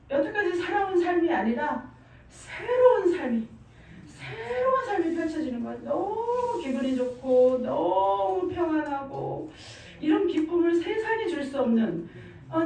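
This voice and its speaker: A middle-aged woman with a high, mellow voice gives a fervent church testimony, pressing her points and repeating phrases. She stands well back from the mic, and her voice rings through a very echoey church hall. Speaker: testimony speaker. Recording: very echoey room, far from mic.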